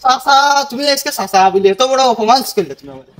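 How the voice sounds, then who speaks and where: A man's voice: extremely high pitch, very animated, fast. Whiny mock-offended man in a village skit. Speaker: comedian in village sketch. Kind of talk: scripted village comedy skit.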